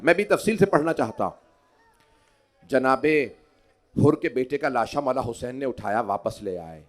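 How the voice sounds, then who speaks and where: A man leading a mourning majlis at a large outdoor gathering, moving from hushed, low storytelling to loud, wailing cries as he acts out the dialogue in his story. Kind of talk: impassioned majlis sermon recitation.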